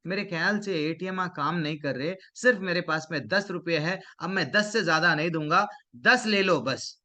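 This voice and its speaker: A man voicing a cheerful, patient older man who talks gently and coaxingly to children. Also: high-pitched, moderate pace.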